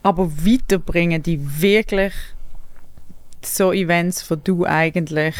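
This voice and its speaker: A woman with a Swiss German accent chats on her comedy podcast, lively and quick to laugh. Her voice sits on the low side for a woman. The sound is close and dry, with no room around it. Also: clear, resonant tone, dry recording. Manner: chatty, animated, laughs often, loses her thread. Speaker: podcast host, stand-up comedian. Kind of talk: casual podcast chat.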